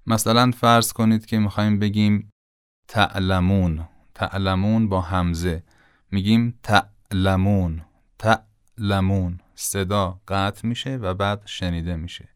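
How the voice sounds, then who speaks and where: Guy teaching quran pronunciation, low smooth voice, patient, stretches the sounds out. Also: no room sound, studio quality. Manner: patient, explanatory, drawing out sounds to demonstrate. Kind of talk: pronunciation lesson.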